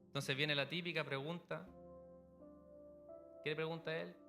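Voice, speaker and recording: A man's voice: fairly high pitch, steady tone, unhurried, music in the background. A man preaching a sermon to a church congregation, telling everyday stories in a conversational way. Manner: conversational preaching with illustrative anecdotes. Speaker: pastor.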